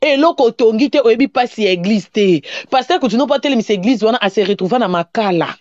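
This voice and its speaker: A woman's voice: a little high, lively intonation, fast, a little mellow, dry recording. A woman commentator who lectures and scolds in a casual online talk. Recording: dull muffled recording.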